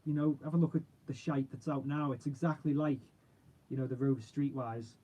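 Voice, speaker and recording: A man's voice: mid-range voice, fairly even intonation, brisk, mellow, rough recording. A man, chatting casually and informally as he hosts a livestream and answers viewers, rambling in a matey way. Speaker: car channel host.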